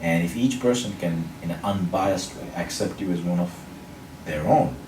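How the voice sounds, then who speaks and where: Speaking in a deep, measured voice, a Sri Lankan public speaking champion gives interview answers, laying out his points in lists. His first language is Sinhala or another Sri Lankan language, and his English is neutral and international with a faint Sri Lankan trace. The room is echoey, the mic is distant, and there is faint noise.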